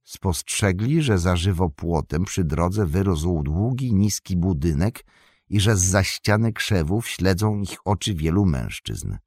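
A man narrating a fantasy audiobook in a measured storytelling manner. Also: low-pitched, lively intonation, a little mellow, breathy edge, dry recording, studio quality. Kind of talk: scripted narration.

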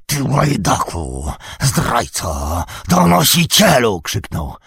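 Man voicing a sneering orc tracker, sly, cowardly, husky and gravelly, dry close audiobook sound. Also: medium pitch, lively intonation, measured pace, dry recording, full character voice. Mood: spiteful. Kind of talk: audiobook reading.

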